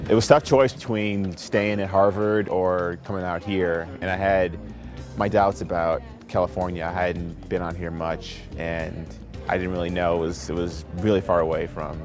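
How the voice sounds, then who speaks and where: A man's voice: low voice, level tone, moderate pace, over music. A young man from Chicago, a law student, answering interview questions in an earnest, plain-spoken way.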